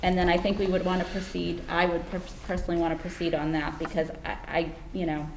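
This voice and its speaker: Woman meeting chair, muffled like a bucket over her head, low gravelly voice, hesitant restarts. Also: flat delivery, fast talker, darkish tone. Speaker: committee chair. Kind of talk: public meeting discussion. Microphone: laptop microphone across the room. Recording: noisy remote meeting audio from a laptop mic.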